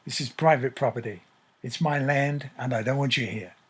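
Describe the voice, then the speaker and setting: A man plays a well-dressed, entitled landowner who barks orders in short, curt phrases. His tone is husky and commanding. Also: mid-range voice, normal speed, natural voice. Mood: bossy.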